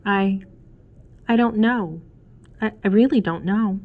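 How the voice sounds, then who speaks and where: A high, breathy giant princess with a gentle, pleading manner. Her voice sits far above the storyteller's own deep register, with a tender, fretful warmth. The sound is a touch dull and muffled. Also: takes it slowly. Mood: shaken. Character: giant young princess, tender, anxious lover.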